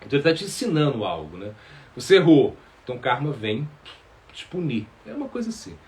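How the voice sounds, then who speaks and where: Male spiritual teacher, mid-pitched voice, halting answers, lots of fillers. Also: very animated, a little mellow. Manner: halting, many fillers and repeated words. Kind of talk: sermon answering questions.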